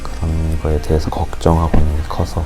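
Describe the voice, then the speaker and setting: Very deep earnest young man. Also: monotone, fairly quick, over music. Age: 20s. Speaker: student interviewee. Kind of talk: interview answers.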